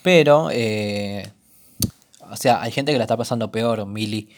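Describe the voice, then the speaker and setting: A man's voice: fairly low pitch, unhurried. A young man with a Rioplatense Spanish accent hosting a solo podcast, chatting casually and rambling as if talking to a friend. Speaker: podcast host.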